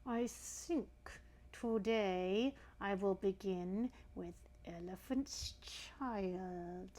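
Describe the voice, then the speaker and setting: A woman voicing a sly, menacing male crocodile in a storybook, slow and coaxing through the teeth. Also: medium pitch, darkish tone.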